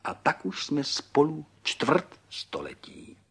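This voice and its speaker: A man's voice: fairly high pitch, creaky, husky, pitched above the performer's own voice, full character voice. A man reading an audiobook, voicing a small, cheerful older man who boasts proudly about his son and his own past. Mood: boastful. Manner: excited, boastful.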